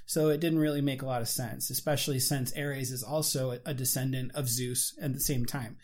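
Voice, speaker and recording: A man in casual conversation reviewing a movie, animated and full of fillers and restarts. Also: medium pitch, a little fast.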